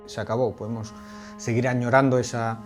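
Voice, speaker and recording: A man's voice: mid-range voice, little pitch movement, a little fast, over music. A man talking spontaneously as an interviewee, often checking for agreement with short tag questions. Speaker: documentary interviewee.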